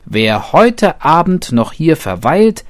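Prank-loving nanny goat done by a man, high bleaty voice, gleeful and urgent. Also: sing-song, slow pace, no room sound, clean studio sound. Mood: teasing. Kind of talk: storybook reading.

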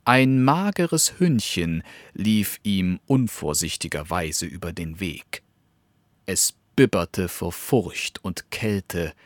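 A man narrating a fable in measured, scripted storytelling. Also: sits low, expressive, no echo.

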